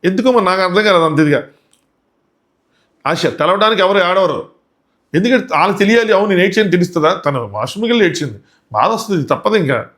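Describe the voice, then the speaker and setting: A man comments casually on a reality show, talking fast and animatedly in a slightly high, fairly bright voice. He dissects what happened while firing off a stream of indignant rhetorical questions.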